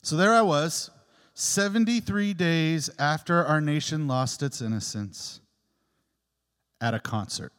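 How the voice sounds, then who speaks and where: A man's voice: fairly high pitch, unhurried, a bit bright. Earnest preaching man with cathedral echo. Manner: reflective storytelling, personal and earnest. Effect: long cathedral echo. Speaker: homilist. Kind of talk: reflective sermon. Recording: long church reverb.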